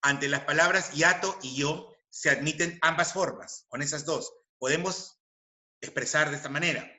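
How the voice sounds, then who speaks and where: A man teaching a recorded grammar lesson, speaking slowly and deliberately, repeating each example with emphasis and asking his students rhetorical questions. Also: a little high, sharp tone, roomy sound. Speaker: language teacher.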